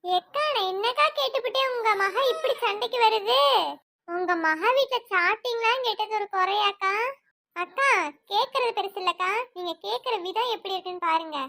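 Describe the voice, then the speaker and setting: A woman's voice: extremely high pitch, normal speed, bright, forceful tone, pitched above the performer's own voice, heavily acted. A woman doing a nosy, whiny gossip neighbor. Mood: complaining. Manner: prying, complaining, dramatic. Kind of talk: cartoon voice acting.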